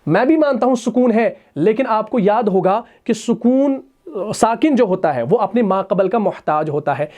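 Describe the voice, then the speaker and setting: A man teaching Arabic grammar at a board, patiently explaining and slowly reciting verb forms, calling his students brother. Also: high voice, expressive, a little mellow, lo-fi sound. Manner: patient, addresses students as brother, personifies letters.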